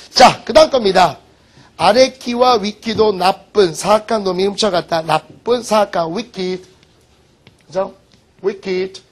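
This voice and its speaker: Husky, high-voiced teasing male teacher. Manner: jokey, teasing, quizzes students with rhetorical questions. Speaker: English teacher. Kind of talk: lively online lecture.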